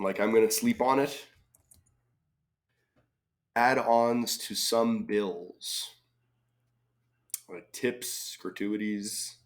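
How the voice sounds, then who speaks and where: A crossword-solving video host with a lowish voice, slightly hoarse from a cold, speaks slowly and unhurriedly. In a casual live solve, he reads the clues out loud and muses relaxedly over his guesses, thinking aloud.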